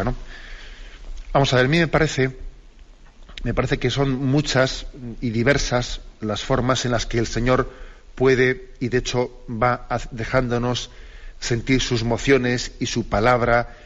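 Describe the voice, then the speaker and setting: Priest host of a call-in radio show, middle-pitched man, reflective, often circles back on his words; dull, muffled broadcast sound. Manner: reflective, restarts phrases, adds tags like "¿eh?" and "¿no?". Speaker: priest hosting a radio catechism program. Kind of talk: live call-in radio teaching.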